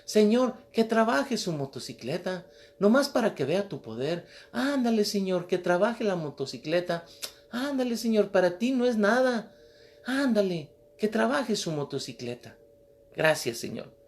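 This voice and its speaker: A man's voice: sits high, very animated, measured pace, pitched above the performer's own voice, heavily acted. A man voicing a pious little old woman who coaxes God in prayer. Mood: pleading. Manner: pleading, coaxing prayer.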